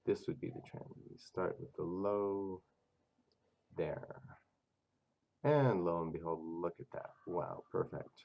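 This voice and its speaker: A man hosting a trading channel, talking casually over charts in a rough, stuffy voice from a cold, chatty and thinking aloud. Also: sits low, fairly even intonation, slow, pauses often, lo-fi sound. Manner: chatty and self-interrupting, talks to himself over charts. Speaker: forex trading channel host. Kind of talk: casual screen-share chart commentary.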